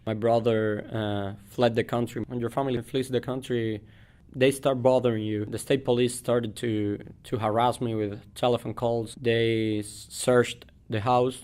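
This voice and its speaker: A man from Cuba, giving a measured, plain-spoken account in a documentary interview. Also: mid-range voice, little pitch movement, a little mellow. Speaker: asylum seeker interviewee.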